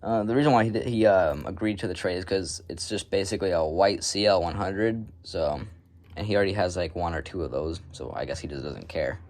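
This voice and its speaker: Here a man with a low voice and a slightly quick pace rambles through an informal show-and-tell of his radios. He's a hobbyist who keeps things unscripted, offhand and self-deprecating.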